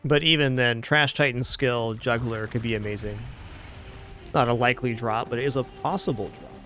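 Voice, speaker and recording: A man's voice: mid-range voice, fairly even intonation, normal speed, a bit bright. A man giving casual commentary as he streams a video game. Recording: faint game music behind.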